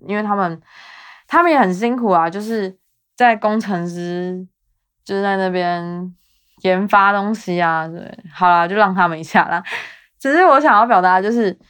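A woman's voice: medium pitch, fairly bright tone. A woman in her twenties with a Taiwanese Mandarin accent, hosting her podcast in a rambling, self-mocking casual chat. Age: 20s. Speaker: podcast host.

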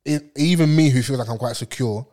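A man with a London roadman accent talks very quickly in loose street slang. He is jokey and animated, bantering casually as if among friends on a podcast. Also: medium pitch. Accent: London, urban street style.

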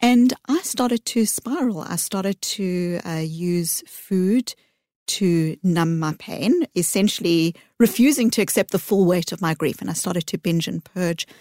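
A middle-aged woman speaks in a lowish, earnest voice, answering interview questions with measured phrasing and thoughtful pauses. The sound is dry and close, with no room around it. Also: darkish tone, no echo. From South Africa. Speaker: psychologist guest.

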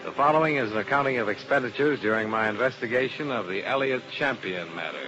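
A man's voice: mid-range voice, fast, sharp tone, lightly acted. Johnny Dollar, a man playing the dry investigator. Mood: matter-of-fact. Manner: dry, laconic, matter-of-fact. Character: wisecracking male insurance investigator, dry and unflappable. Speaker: lead detective and narrator. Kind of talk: 1950s radio drama acting. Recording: muffled old radio broadcast with music.

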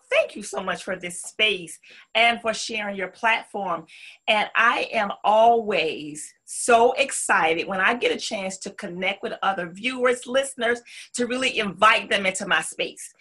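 A middle-aged woman from North Carolina, speaking with a Southern US accent, tells her story as an interview guest in a conversational way. Her medium-pitched voice is bright and forceful, emphatic and full of folksy asides.

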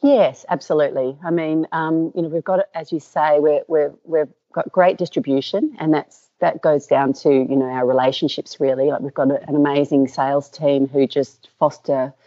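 Middle-aged Australian woman, business founder, low voice, dry dull lo-fi sound, chatty with lots of "um". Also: steady tone, moderate pace, hardly any pauses, dark tone, no room sound. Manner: rambling with many fillers and restarts. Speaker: company co-founder. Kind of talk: interview guest, storytelling.

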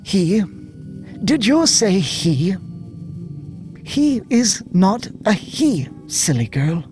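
A man voicing a stern, condescending elderly nun woman, speaking in an imperious, mocking, drawn-out way. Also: high-pitched, very animated, a little mellow, soft background music, pitched above the performer's own voice, heavily acted. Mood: scornful. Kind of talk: storybook narration with character voices.

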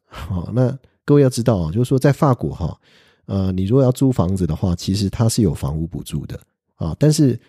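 A man's voice: lowish voice, sing-song, a little fast, warm tone, breathy edge, no echo, clean studio sound. A middle-aged man with a Taiwanese Mandarin accent, a law professor hosting a podcast, telling a story in a chatty way with many little "ha" tags and fillers. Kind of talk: casual storytelling.

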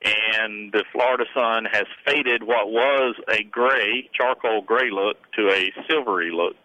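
A man's voice: fairly low pitch, a little slow, sharp tone, rough recording. A man calling in to a radio show, describing his problem plainly and carefully. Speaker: caller.

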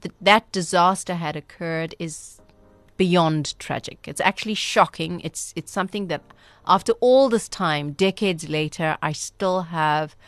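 A woman with a Durban Indian South African accent speaking as a radio interview guest, earnest and measured, with formal, emphatic wording. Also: lowish voice, fairly bright tone, no room sound. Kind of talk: radio interview, reflective storytelling.

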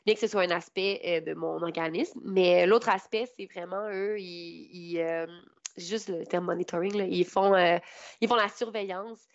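A woman's voice: lowish voice, steady tone, moderate pace, no room sound. A young woman from Canada with a Québécois French accent, answering interview questions casually, hesitating with many fillers and laughing often. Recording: dull lo-fi recording.

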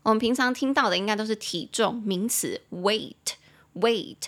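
A young woman hosting an English-teaching podcast, chatting casually, laughing often and slowing down to spell words out letter by letter. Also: mid-range voice.

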